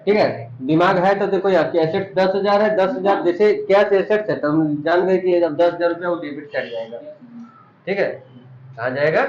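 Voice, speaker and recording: A man's voice: sits high, moderate pace, a little mellow, slight background noise. A man teaching an accounting class, explaining terms and quizzing his students with repeated questions. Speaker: commerce teacher. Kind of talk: classroom lesson. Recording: dull echoey room recording.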